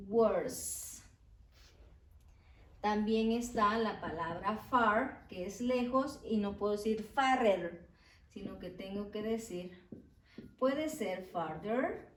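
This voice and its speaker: A woman teaching an English grammar lesson, explaining slowly and deliberately, stopping to spell out words as she writes. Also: medium pitch, recorded from a distance. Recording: echoey room, voice from off-mic.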